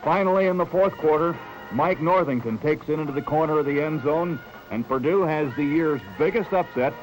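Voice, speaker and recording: A man's voice: fairly high pitch, brisk, low-quality recording. Upbeat 1970s newsreel narrator man. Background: music bed.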